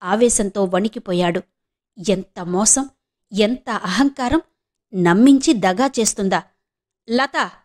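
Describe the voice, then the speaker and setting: A woman's voice: mid-range voice, unhurried, pauses often, a little mellow. Woman narrating a dramatic novel. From Andhra Pradesh, India. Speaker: audiobook narrator.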